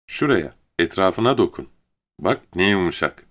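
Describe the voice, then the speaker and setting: A man's voice: low-pitched, sing-song, normal speed, a bit bright. A man voicing a lonely, vain young farm wife who speaks in a coaxing tone with a lightly raised voice.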